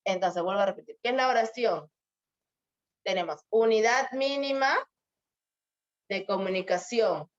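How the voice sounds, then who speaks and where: A woman's voice: medium pitch, unhurried, pauses often. A young woman teaching a grammar lesson to school students, asking questions and drawing out her examples. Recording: muffled lo-fi sound.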